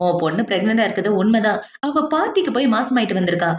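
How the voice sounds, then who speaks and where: A woman narrating a drama recap in a brisk, chatty way, acting out the quoted lines as she goes. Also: mid-range voice, animated, echoey room, lo-fi sound. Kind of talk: casual storytelling recap of a drama.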